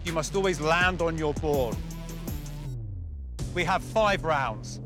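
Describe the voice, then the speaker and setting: A man explaining contest rules in a calm, measured way. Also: fairly high pitch, music in the background. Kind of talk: explanatory interview.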